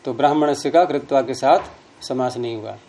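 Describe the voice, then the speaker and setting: A man's voice: medium pitch, normal speed, dark tone, a little hiss or hum. A man teaching Sanskrit grammar, patiently explaining rules step by step with examples and repeating key terms.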